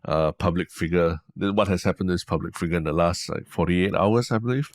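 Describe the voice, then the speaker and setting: Deep-voiced and fairly quick, this podcast co-host is a man in his thirties speaking Singaporean English. In casual conversation he ribs his partner with dry, hesitant humor, and the recording has no room sound.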